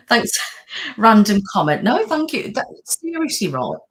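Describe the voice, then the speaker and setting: Chatting from home on her live stream, a woman waffles on and responds to viewer comments. She speaks slowly in a fairly high, slightly bright voice that is very animated.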